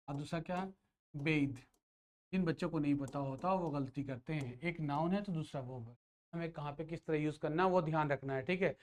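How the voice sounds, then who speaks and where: A man teaching grammar, firing questions at students and answering them himself. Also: fairly high pitch. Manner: asks and answers his own questions. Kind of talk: classroom lecture.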